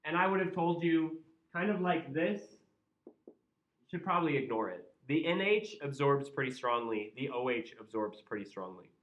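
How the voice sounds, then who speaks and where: A man's voice: mid-range voice, lively intonation, moderate pace. Midwestern man lecturing in an echoey classroom. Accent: Midwestern American. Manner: conversational, joking, asks the class questions. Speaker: chemistry teacher. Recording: roomy, distant and dull classroom sound.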